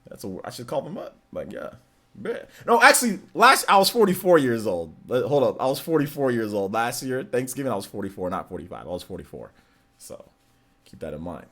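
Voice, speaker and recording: A man's voice: mid-range voice, very animated, a little fast, fairly bright tone. A man in his forties hosting a livestream, chatting casually with viewers in a laid-back, rambling, slangy way. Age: 40s. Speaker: streamer host. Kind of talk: casual livestream chat reading viewer messages.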